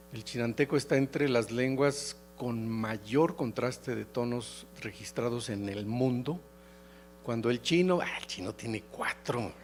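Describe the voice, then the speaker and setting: A middle-aged man from León with a Mexican Spanish accent, giving a halting academic lecture full of hesitations and restarts. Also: mid-range voice, a little mellow, a little hiss or hum. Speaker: keynote lecturer.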